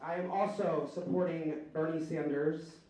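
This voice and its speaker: Guy giving a fired up rally speech, high-ish voice, big echoey room, crowd noise. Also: fairly even intonation, normal speed, recorded from a distance. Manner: impassioned, building to chants. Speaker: rally speaker. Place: hotel event hall with crowd.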